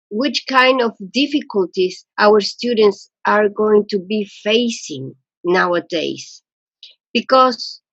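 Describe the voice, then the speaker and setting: A woman from Ecuador, a languages coach giving a webinar to teachers, speaking slowly and often restarting her sentences. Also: medium pitch, a bit bright, dry recording. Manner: slow, hesitant, repeats and restarts phrases. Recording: dull, lo-fi webinar audio.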